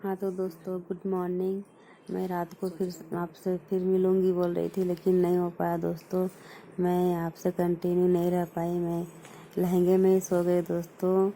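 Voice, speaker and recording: A young adult woman vlogging in casual chat at home, speaking softly while others sleep and often addressing her viewers as friends. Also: on the low side, completely flat delivery, normal speed, slight background noise, poor audio.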